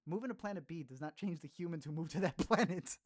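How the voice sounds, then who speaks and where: A man's voice: on the high side, animated, fast, no echo, clean studio sound. A man casually chatting through film reviews as a podcast host, rambling along with fillers and restarts.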